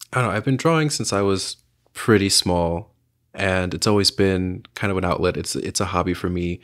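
A young man from south Florida, a writer and visual artist whose first language is Spanish, answers podcast interview questions. His voice is low and a bit bright, and he speaks reflectively and hesitantly, with plenty of fillers.

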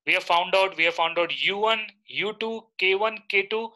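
A man's voice: high voice, normal speed, sharp tone, poor audio. A man in his thirties with an Indian accent, teaching a live online lecture and often checking in with short questions.

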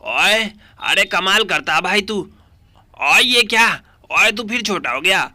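A man voicing a loud, bossy cartoon cat who starts his lines with exclamations, in a fan-dubbed game video. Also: sits high, lively intonation, slow, dry recording, full character voice. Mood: excited.

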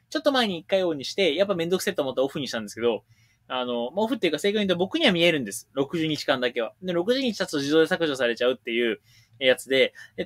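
A man's voice: a little high, dry recording. A man hosting a casual livestream, reading out viewer questions and answering them bluntly, with jokes. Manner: rapid-fire, animated, blunt and joking.

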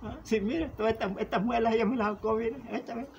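Pleading high-voiced Honduran man. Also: fairly even intonation, fast, gravelly, lo-fi sound, a little hiss or hum. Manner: pleading, repetitive, keeps addressing the listener by name. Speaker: interviewee, father. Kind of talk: emotional conversation.

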